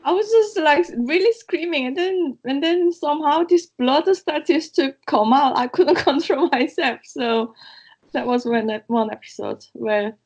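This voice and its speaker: This Korean co-host of a casual podcast is a chatty storyteller with frequent laughter. Her high-pitched voice is unhurried and a little mellow, captured in slightly dull lo-fi sound.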